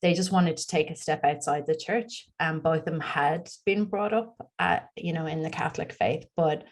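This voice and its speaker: Chatty Dublin Irish woman, lowish voice. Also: normal speed. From Ireland. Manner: open and chatty, frequent ums and likes. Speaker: podcast guest, coach. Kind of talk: casual interview chat.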